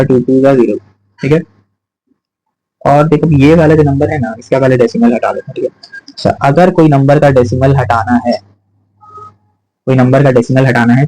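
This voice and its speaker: A man teaching a maths lesson, working through the steps aloud and repeating himself as he asks and answers his own questions. His voice sits at an ordinary pitch and sounds dry and close, with no room around it. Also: warm tone, no echo, poor audio.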